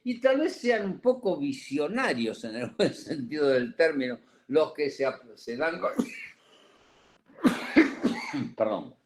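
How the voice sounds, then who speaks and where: A man's voice: on the high side, very animated, slow, pauses often. A man giving a psychoanalysis seminar lecture, digressive and full of "¿eh?" tag questions, with a cough and an itchy throat.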